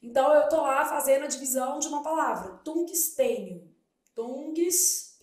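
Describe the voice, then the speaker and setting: A Brazilian woman's high, expressive, slightly mellow voice moves a little fast as she prepares students for a Portuguese exam. She raises questions and answers them herself, and the room is echoey.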